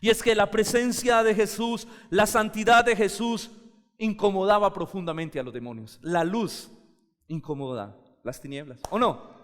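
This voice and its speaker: Male pastor, high-pitched voice, conversational sermon, long hall reverb. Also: moderate pace. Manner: conversational, asks the congregation questions.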